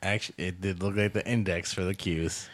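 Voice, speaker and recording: A man co-hosting a comedy podcast in casual chat, wry and deadpan, turning excitable now and then. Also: low voice, brisk, no room sound. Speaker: podcast co-host.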